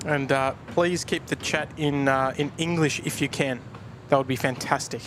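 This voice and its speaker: A man's voice: medium pitch, fairly even intonation, normal speed, noisy background. A man hosting a plane-spotting livestream with casual, matey commentary, chatting to viewers. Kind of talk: casual live commentary and chat.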